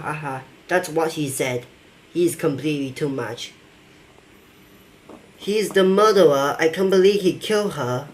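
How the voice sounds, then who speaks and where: Slow, halting male storyteller. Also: a little high. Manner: halting, rambling, non-native phrasing. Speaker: narrator of a mock documentary. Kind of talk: improvised storytelling narration.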